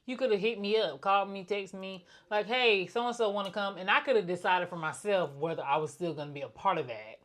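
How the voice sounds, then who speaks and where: A woman co-hosting a podcast in casual chat, speaking in a flat, nonchalant, one-tone way. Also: on the low side, brisk, few pauses. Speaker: podcast co-host.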